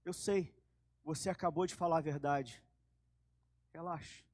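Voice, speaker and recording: Guy doing a calm teacher figure, slow and soothing, kinda high voice for a man. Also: no echo, studio quality. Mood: reassuring. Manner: slow, measured, reassuring. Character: calm, solemn male teacher reassuring a woman.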